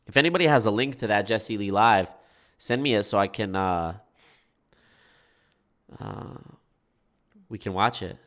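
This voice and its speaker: A live streamer with a stuffed-up, blocked nose chats casually with viewers, swearing and throwing out a folksy "y'all." His congested voice is fairly low and a bit bright, unhurried, with frequent pauses.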